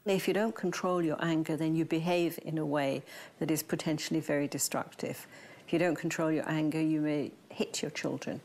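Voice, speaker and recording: Expert: woman, low-pitched, firm and emphatic, interview clip. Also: steady tone, normal speed, darkish tone. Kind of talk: unscripted interview remarks.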